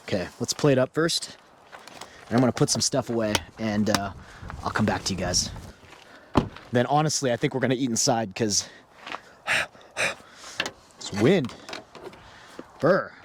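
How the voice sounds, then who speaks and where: A man's voice: medium pitch, lively intonation, measured pace, pauses often, noisy background. Chatty man cooking at a campsite. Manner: chatty, talks to viewers while cooking. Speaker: camping vlogger. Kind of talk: casual vlog talk to camera. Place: outdoor mountain campsite, then inside a tent.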